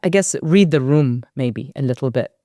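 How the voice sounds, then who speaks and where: Her pitch is extremely low and her intonation lively as this Iraqi woman in her forties, a corporate board director, talks reflectively in an interview, thoughtful and measured with gentle fillers. There is no room sound, and the studio audio is clean.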